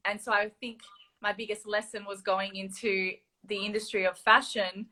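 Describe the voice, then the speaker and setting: A woman's voice: medium pitch, pushed and bright. A woman, a stylist, answering interview questions in a thoughtful, earnest way with frequent ums. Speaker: guest, stylist.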